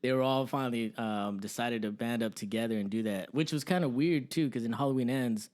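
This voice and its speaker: A man co-hosts a film podcast in a relaxed, easygoing way. He swears casually as he talks, in a voice of middling pitch. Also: brisk. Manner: laid-back, swears casually. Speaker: podcast co-host.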